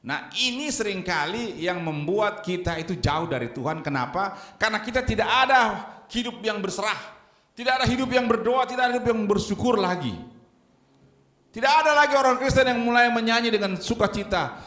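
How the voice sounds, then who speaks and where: A male pastor delivers a sermon in a high, very lively voice, leaning hard on some phrases and dropping low on others. The sound carries a roomy church echo around him. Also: brisk. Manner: lively preaching, swinging between loud emphatic lines and low quiet ones. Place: church sanctuary.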